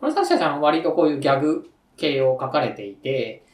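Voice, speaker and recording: A man's voice: a little high, fairly quick, distant mic. A man from Tokyo hosting a story contest, chatting casually with a rambling manner and many fillers. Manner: lively, rambling, frequent fillers and laughs. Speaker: host, contest judge. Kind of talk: casual podcast chat. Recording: echoey room, a bit off mic.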